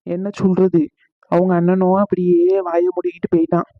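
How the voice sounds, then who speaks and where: A woman's voice: lowish voice, monotone, moderate pace, no echo, lightly acted. Woman as meek son, hesitant, pleading, lo-fi cartoon. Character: meek middle-aged son, timid peacemaker. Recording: dull lo-fi dry audio.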